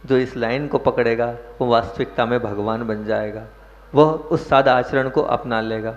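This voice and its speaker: A man's voice: medium pitch, fairly even intonation, moderate pace, slight background noise. A man giving a sermon as a Jain monk, explaining verses and putting questions to his listeners. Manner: explains verses, asks the audience questions, stresses words. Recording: muffled echoey hall recording.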